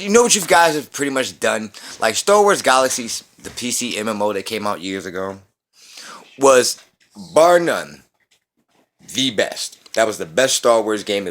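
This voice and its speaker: A man in his thirties with a lowish, slightly bright voice rants through a casual movie review. He talks in slangy street language, swears a lot, and keeps repeating himself.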